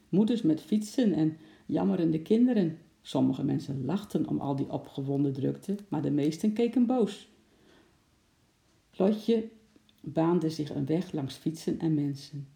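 A narrator reading a children's storybook aloud in a steady, even manner. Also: medium pitch, vocal fry. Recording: echoey room.

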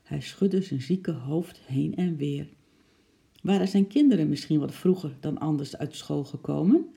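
A man reading a children's story aloud, lively and acting out the noises. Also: on the high side, a little slow, creaky. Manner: lively, acts out sound effects.

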